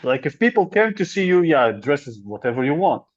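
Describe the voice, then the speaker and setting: Young male podcast co-host, rambling and halting; dry, dull lo-fi recording. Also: a little high, sing-song, dry recording. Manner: halting, rambling, laughs often. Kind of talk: casual comedy podcast chat.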